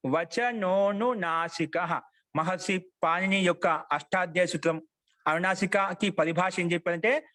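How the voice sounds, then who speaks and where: A man's voice: high-pitched, fairly bright tone. A man teaching a Sanskrit grammar class online, repeating questions and answering them himself in a call-and-response way.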